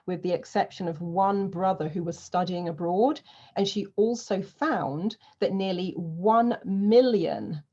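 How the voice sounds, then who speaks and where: A woman host reading a measured introduction of a guest speaker. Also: mid-range voice, a little mellow. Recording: dull lo-fi sound.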